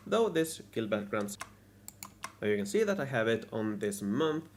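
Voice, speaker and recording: Low-voiced man narrating a game recap. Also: big pitch swings, normal speed, a little hiss or hum. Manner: restarts lines over and over. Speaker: gaming video creator.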